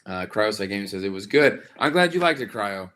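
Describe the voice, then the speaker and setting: Chatting live with his viewers, this livestream host has a somewhat low, slightly raspy voice that comes across bright and forward. He rambles loosely, with many fillers and restarts, but stays expressive at a moderate pace.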